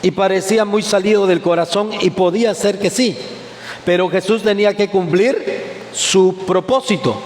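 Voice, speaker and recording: High-voiced pastor in echoey hall. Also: male voice, moderate pace. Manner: asks the congregation questions and answers them. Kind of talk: sermon. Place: church sanctuary. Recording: echoey church hall with faint ambience.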